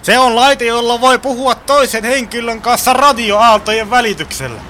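A man playing a bossy, fussy would-be gang boss in an amateur radio play, talking in an excitable way. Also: very high voice, a little hiss or hum, voice pushed up.

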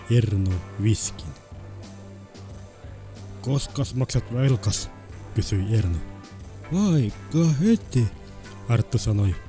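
A man reading short stories aloud in a terse, clipped, matter-of-fact way. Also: lowish voice. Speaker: story reader.

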